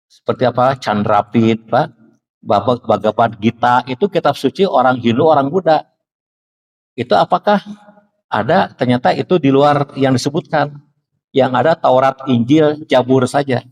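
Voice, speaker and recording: Gravelly Sundanese-accented man lecturing in a mosque. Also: medium pitch, darkish tone, big-room sound. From Indonesia. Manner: conversational, addresses audience as Pak, recites Arabic verses slowly. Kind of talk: religious study lecture. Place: mosque hall.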